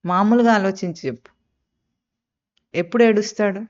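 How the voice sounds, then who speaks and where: Spiritual teacher, smooth resonant voice, questions and answers, on a dull lo-fi recording. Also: medium pitch, normal speed, darkish tone. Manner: asks rhetorical questions and answers them; quotes and explains Sanskrit terms. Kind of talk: live scripture discourse.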